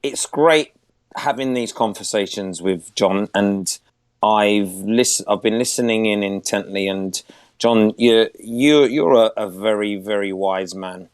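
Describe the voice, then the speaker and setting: A man's voice: lowish voice, measured pace, clear, resonant tone, no room sound. A man from London, chatting casually on an audio panel in an earnest, effusive way. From London, England. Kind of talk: casual chat.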